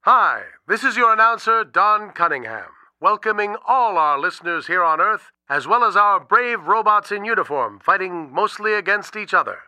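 A man voicing a brash male announcer for an old-time radio show, speaking with a booming, salesy cadence. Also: lively intonation, normal speed, few pauses, sharp tone, clean tone, no room sound, exaggerated voice. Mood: hearty, salesy. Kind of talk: vintage radio announcer delivery.

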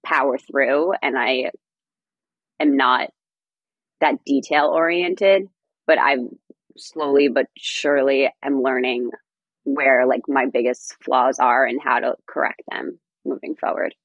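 A young woman talking casually as a podcast guest, her voice low and husky. She chats with many "like" fillers, and the sound is dry and close. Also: slow, dry recording, lo-fi sound. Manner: chatty, many "like" fillers, animated storytelling. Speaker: podcast guest, personal assistant.

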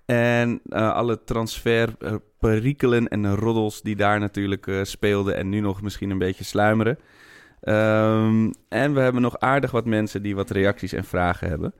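Hesitant Amsterdam Zuid man, low voice. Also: steady tone, normal speed, clean tone, dry recording, clean studio sound. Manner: hesitant, many fillers, chuckling. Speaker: podcast host. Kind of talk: casual podcast chat.

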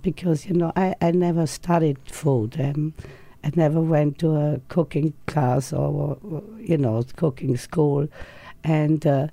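A woman's voice: deep voice, dark tone, dry recording. A woman, talking as an interview guest in a rambling way, full of fillers and restarts. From Austria. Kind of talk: casual interview conversation.

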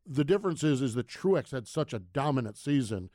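A man's voice: medium pitch, animated, fairly quick, warm tone, no echo, clean studio sound. A man giving emphatic, casual opinions as a sports radio panelist, repeating phrases for stress. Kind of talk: casual sports commentary discussion.

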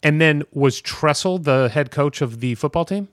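A man's voice: on the high side, moderate pace, no echo. Conversational male podcast host, dry sound. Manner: conversational, long winding questions. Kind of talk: casual podcast interview.

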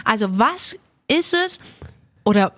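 A woman hosting a podcast, telling stories in a lively, blunt, casual way. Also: a little high, slow, no room sound. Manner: lively, blunt storytelling with laughs. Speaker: podcast host. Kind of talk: casual chat.

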